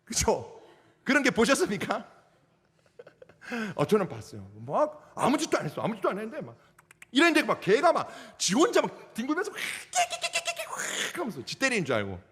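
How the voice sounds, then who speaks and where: A male pastor, giving a youth sermon in an animated way and acting out what people say. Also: husky, in a large hall. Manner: animated, acts out quotes with big pitch swings.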